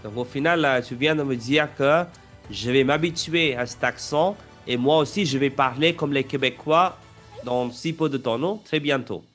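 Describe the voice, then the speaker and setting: A man's voice: mid-range voice, normal speed, fairly bright tone, faint music behind. Casual French-accented male examiner. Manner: casual, prompting with tag questions. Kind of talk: speaking exam role-play.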